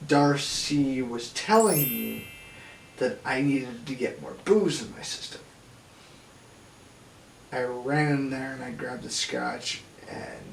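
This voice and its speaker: A man's voice: mid-range voice, creaky. A young man casually telling a wild story in an interview, laughing often and swearing freely. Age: young adult. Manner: laughs often, profane, loose retelling. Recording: echoey room, mic far off, faint hiss.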